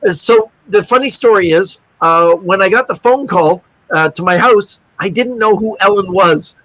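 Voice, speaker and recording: A middle-aged guest magician with a high voice tells a story at a moderate pace in a casual interview, recorded with poor audio. He's an animated anecdote-teller who acts out the other people's lines in their voices.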